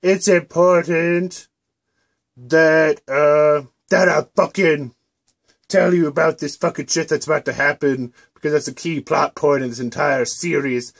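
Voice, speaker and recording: Man doing a shrill, cursing unicorn mare. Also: fairly even intonation, measured pace, vocal fry. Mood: snapping. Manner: yelling, foul-mouthed, bossy. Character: shrill, furious young mare unicorn scholar. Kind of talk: parody cartoon dub.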